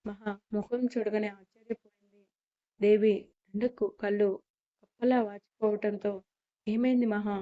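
A woman narrating an audio story in a steady reading manner, on a slightly muffled recording. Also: mid-range voice, moderate pace.

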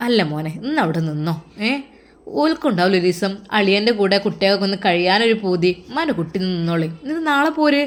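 A loving older mother, full of worry, coaxes her grown son in a Malappuram Malayalam accent, voiced by a woman narrator. She pleads with him softly and tenderly in this spoken story. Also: medium pitch, sing-song, fast, lightly acted. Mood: coaxing. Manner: coaxing and tender, calls him "my dear son".

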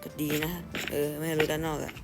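Excitable man chattering over loud music. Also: quick pace. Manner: excitable, mutters repeated words, swears when startled. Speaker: gameplay streamer. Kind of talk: casual gameplay commentary. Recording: loud background music under voice. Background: loud game music.

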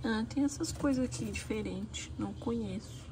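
In a very noisy clip, a thirty-something woman vlogs from a hotel room on a handheld camera, chatting and exclaiming to her viewers. Her voice is fairly high and she talks at a normal pace.

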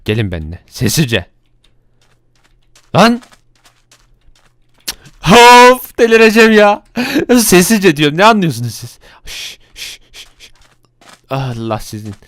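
A man's voice: mid-range voice, sing-song, no echo. A man playing a hot-tempered thief boss. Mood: exasperated. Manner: bossy, quick-tempered, yelling at his crew. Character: brash bossy male thief gang leader. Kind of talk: Minecraft role-play.

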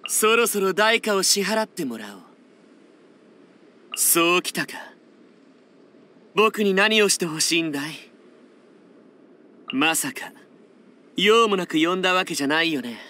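A man's voice: high-pitched, bright, forceful tone, heavily acted. A man voicing a haughty, sneering young male wanderer with wind powers in an anime video game. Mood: menacing, then reluctant, bored. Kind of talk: anime game battle voice lines.

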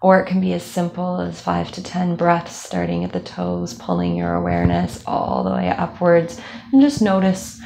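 Gravelly-voiced woman guiding a meditation. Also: lowish voice, a little hiss or hum. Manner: calm, slow guiding with soft fillers. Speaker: movement instructor. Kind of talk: guided meditation.

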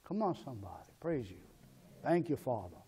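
A male pastor preaching a sermon in call-and-response style, swinging between shouted calls and low asides. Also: sing-song, brisk, husky, in a large hall.

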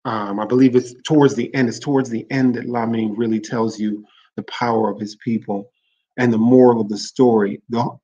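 A man's voice: medium pitch, fairly even intonation, normal speed, dark tone, muffled recording. A man hosting a livestream, giving an earnest, reflective talk on literature and often restarting phrases to correct himself. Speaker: livestream host discussing literature. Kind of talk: informal literary talk with read-aloud excerpts.

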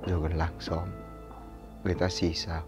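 A man's voice: deep voice, flat delivery, moderate pace, close to an everyday voice. A man playing weary overworked young man. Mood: dejected. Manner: apologetic, weary confiding. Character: young man Hiếu, lonely overworked shop owner. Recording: muffled audio over music. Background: music.

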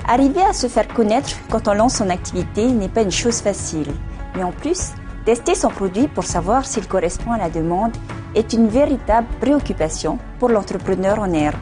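A woman's voice: medium pitch, normal speed. Woman host presenting over music. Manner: smooth, steady delivery. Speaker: show host. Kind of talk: scripted presenting. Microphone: lapel mic.

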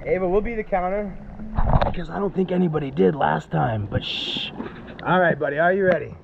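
A man hosting a family vlog with playful challenge commentary, energetic and announcer-style, recorded at a swimming pool on an action camera. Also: sits high, fairly quick, vocal fry. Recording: dull lo-fi camera sound with water noise.

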